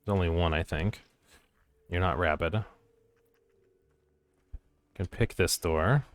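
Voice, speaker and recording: A man with a very low voice, recorded close and dry, gives casual commentary while playing a video game. He mutters to himself in short fragments and reads bits of screen text aloud. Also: slow pace, no echo.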